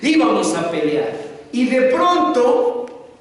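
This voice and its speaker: A man's voice: very high voice, sing-song, takes it slowly, recorded from a distance, voice pushed up, exaggerated voice. A man voicing a bewildered soldier who expected to fight, in an echoey hall. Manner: bewildered, indignant. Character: confused soldier of an ancient king.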